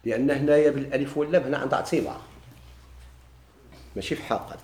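A man's voice: medium pitch, steady tone, rapid-fire, a little mellow, roomy sound. A man with a Moroccan Arabic accent teaching a grammar lesson to a class, posing questions and answering them himself.

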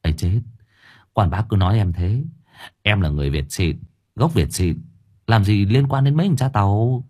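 A man voicing a middle-aged bald resort owner who speaks deferentially and slowly. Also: on the low side, expressive, dark tone, slightly rough. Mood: polite. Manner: deferential, slow polite speech.

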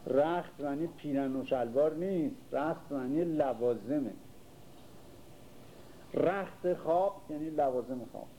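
Male Persian-accented literature teacher, deep mellow timbre, measured recitation then chatty glosses. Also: a little hiss or hum, low-quality recording. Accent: Persian (Iran). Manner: recites verse slowly, then explains it in casual speech. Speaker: literature lecturer. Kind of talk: lecture on classical Persian poetry.

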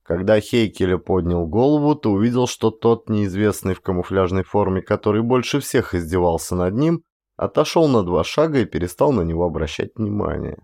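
A man narrating a war story in a measured, dramatic reading. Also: sits low, expressive, warm tone, no room sound, studio quality. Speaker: audiobook narrator. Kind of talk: scripted narration.

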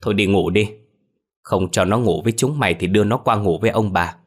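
A man's voice: on the low side, brisk, lightly acted. A man doing a stern old grandmother. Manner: sharp reprimanding.

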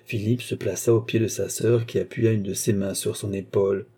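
A man narrating a classic novel aloud in a steady, even way. His voice is very dark and mellow, with a husky grain throughout. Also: on the low side, moderate pace. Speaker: audiobook narrator.

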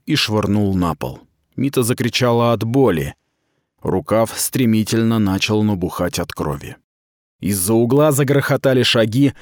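A man narrating a science-fiction novel with a dramatic, expressive reading. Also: lowish voice, no room sound, clean studio sound. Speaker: audiobook narrator.

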